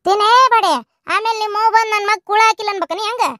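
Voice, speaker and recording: A woman playing a bossy older village mother-in-law in a cartoon, nagging and scolding with a North Karnataka Kannada accent. The voice is very high and thin, and it is recorded dry and close. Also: steady tone, no room sound. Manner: sharp, nagging, rapid scolding. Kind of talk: cartoon voice acting.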